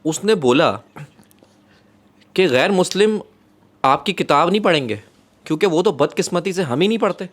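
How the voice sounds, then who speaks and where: A man with a Karachi Urdu accent runs a casual comedy podcast. His voice sits high and swings widely, and he keeps cutting in with cries of praise and mock dismay. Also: lively intonation, normal speed, long pauses. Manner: exclaims "kya baat hai" and "haye haye" often. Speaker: podcast host.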